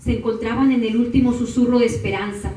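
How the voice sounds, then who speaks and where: A woman preaching a sermon, moving from calm teaching to high, impassioned crying out. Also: fast talker, noisy background. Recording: echoey room from far off.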